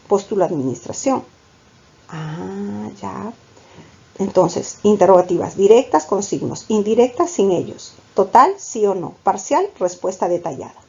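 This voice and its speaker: A woman's voice: medium pitch, vocal fry, warm tone, husky, dull audio. A woman teaching a grammar lesson to students, calling them "chicos" and asking questions she then answers herself. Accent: Peruvian Spanish. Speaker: language teacher. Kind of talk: classroom lecture.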